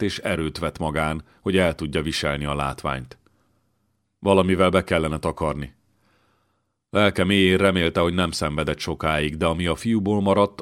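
A man with a very low voice narrates an audiobook. His reading is dramatic, and he sinks to a near-hush when the tension builds. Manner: dramatic, dropping to hushed tones for tense moments.

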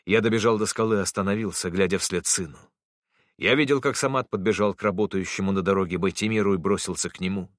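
Man reading a literary audiobook, low and dry. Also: no echo. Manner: measured, earnest storytelling. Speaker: narrator.

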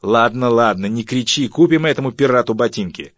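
A man voicing a stingy, pompous middle-aged husband who lectures about thrift and turns shrill when provoked. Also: lively intonation, a little fast, fairly bright tone, no room sound. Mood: pompous scolding. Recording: dull, dry audiobook recording.

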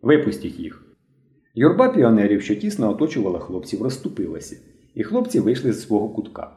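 A man's voice: on the low side, fast talker. A man narrating a children's adventure novel as an audiobook, telling it expressively. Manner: expressive storytelling. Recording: roomy echo.

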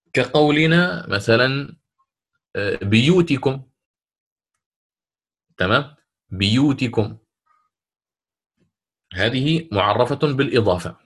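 A man teaching a lesson on Quran recitation, asking his students questions and slowly chanting verses as examples. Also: medium pitch.

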